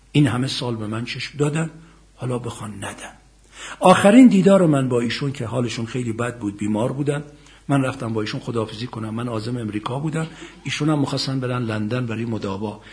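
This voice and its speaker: A middle-aged man preaching a sermon, telling stories quietly and then rising to loud, impassioned emphasis, chanting scripture verses slowly. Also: medium pitch. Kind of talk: sermon with storytelling.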